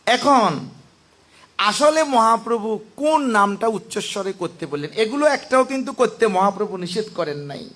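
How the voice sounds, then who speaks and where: A man giving a devotional sermon who argues with rhetorical questions and chants scripture verses and mantras in a slow, sung cadence. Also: sits high, animated, fairly bright tone. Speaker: preacher.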